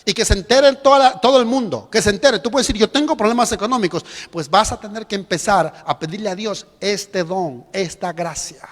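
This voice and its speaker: A man preaching a sermon as pastor, animated and emphatic, acting out quotes and repeating phrases. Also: high voice, normal speed, few pauses. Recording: long reverb of a church hall.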